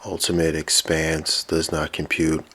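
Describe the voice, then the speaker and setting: A man voicing a single-minded male combat robot in a flat, mechanical monotone. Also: a bass voice, measured pace, full character voice. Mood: menacing.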